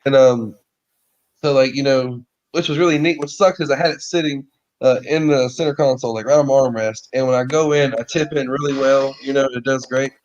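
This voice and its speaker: A man's voice: mid-range voice, fairly even intonation, a little fast, a little mellow, lo-fi sound. A man telling a story in casual podcast chat, rambling with lots of "like" and "you know", heard over a remote call.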